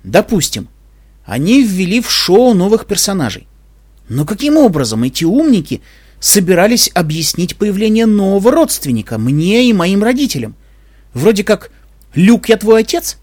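Brief: bookish young mare, earnest and sharp, read by a male narrator. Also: sits high, very animated, moderate pace. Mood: indignant.

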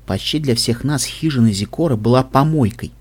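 A man's voice: medium pitch, fairly quick, darkish tone. Man reading an audiobook evenly. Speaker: audiobook reader. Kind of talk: scripted narration.

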